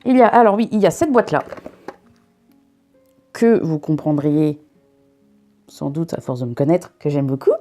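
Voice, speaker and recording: A woman's voice: low voice, normal speed, pauses often, dark tone, faint music behind. A young woman from northern France near the Belgian border, chatting casually and jokily while unboxing, often breaking off her own sentences. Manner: chatty, self-interrupting, jokey asides. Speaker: vlogger reviewing a subscription box.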